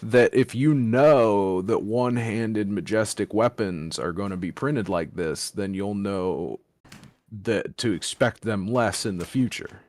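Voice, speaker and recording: A man's voice: lowish voice, a little slow, darkish tone, dry recording. An American man in casual chat, explaining things in detail and pressing his point. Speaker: podcast co-host. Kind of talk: casual chat about card games.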